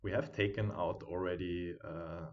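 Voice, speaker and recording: A man at home giving live trading commentary, thinking aloud as he watches the charts and chats with his viewers, on a quiet built-in computer mic. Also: sits low, steady tone, normal speed, dull audio. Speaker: day trading streamer.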